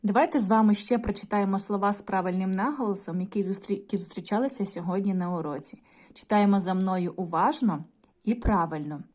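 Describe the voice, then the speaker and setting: A primary school teacher reads a folk tale aloud in a video lesson, speaking to the children in a clear, measured storytelling way. Her voice is medium in pitch and slightly mellow.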